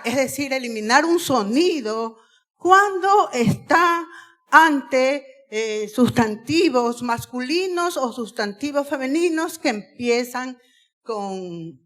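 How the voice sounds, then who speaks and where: Woman, guest talk to students, slightly high voice, slow, drawn-out delivery. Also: fairly bright tone. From Ecuador. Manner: deliberate, stretches key words, asks the audience questions. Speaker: guest speaker on Spanish usage. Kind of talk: school auditorium talk to students. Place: school auditorium.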